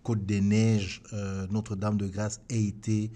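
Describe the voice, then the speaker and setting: Un homme qui anime une entrevue politique et pose ses questions en cherchant ses mots. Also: male voice, on the low side, little pitch movement, normal speed, warm tone. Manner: searching phrasing with fillers. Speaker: interview host. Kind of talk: interview questions.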